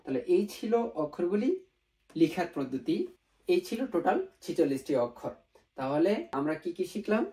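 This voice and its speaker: Male language teacher, mellow tone, patient, repeats each sound, recorded off-mic. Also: a little high, animated, moderate pace, far from the mic. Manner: mixes English words into explanations. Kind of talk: online language lesson.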